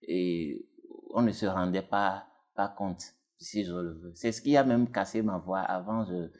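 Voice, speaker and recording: Deep-voiced man. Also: a little slow, darkish tone. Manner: rambling, many fillers and restarts. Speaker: dubbing actor and technician, guest. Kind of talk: casual interview talk.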